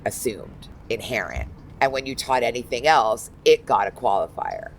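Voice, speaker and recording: A woman in her fifties, a guest art critic, talking in a lively, animated way full of asides. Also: a bass voice, moderate pace, vocal fry, a little hiss or hum, poor audio. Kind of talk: casual interview talk.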